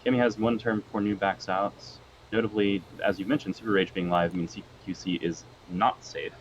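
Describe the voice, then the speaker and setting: A man's voice: on the low side, steady tone, fairly quick, slight background noise. A man co-commentating a card game match, analytical with dry jokes, heard over a weak, lo-fi connection. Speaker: co-caster. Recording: dull lo-fi sound from a weak connection.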